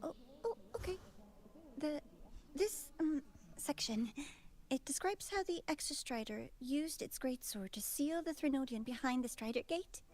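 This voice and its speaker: A woman's voice: high voice, lively intonation, a little slow, darkish tone. A woman voicing a timid young female assistant who reads aloud hesitantly and stumbles over words. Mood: nervous. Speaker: teaching assistant. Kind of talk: game voice acting.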